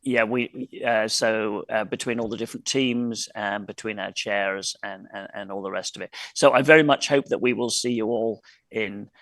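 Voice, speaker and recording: A man hosting an online quiz wrap-up over a video call, talking in halting bursts with many fillers and restarts. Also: lowish voice, steady tone, fairly bright tone, no echo. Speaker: quiz host.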